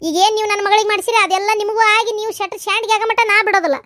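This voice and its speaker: A woman voicing a distraught village mother in a cartoon, with a North Karnataka accent, who wails, pleads and shouts threats. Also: extremely high pitch, expressive, fairly quick, no room sound, studio quality. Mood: threatening. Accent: North Karnataka Kannada. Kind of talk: cartoon comedy voice acting.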